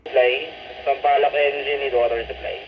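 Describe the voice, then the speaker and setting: A man's voice comes through a walkie-talkie, muffled and lo-fi with plain static hissing behind it. He speaks at a middling pitch in clipped dispatch calls, saying each alert twice. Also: steady tone, moderate pace, creaky. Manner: terse, repeats each call twice. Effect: heard over a walkie-talkie radio. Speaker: fire radio dispatcher. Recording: lo-fi radio with static noise.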